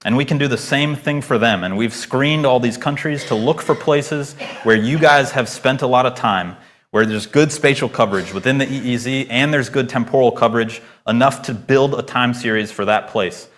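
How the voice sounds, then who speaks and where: Speaking at a moderate pace in a medium-pitched, fairly bright voice, a man in his thirties gives a conference talk with Q&A in a lecture hall. He addresses the live audience through a microphone. His delivery is earnest and emphatic, marked by rising stresses.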